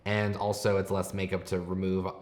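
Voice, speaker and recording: A man's voice: low-pitched, level tone, normal speed. A man giving explanatory makeup commentary as a host, advising in a conversational tutorial style.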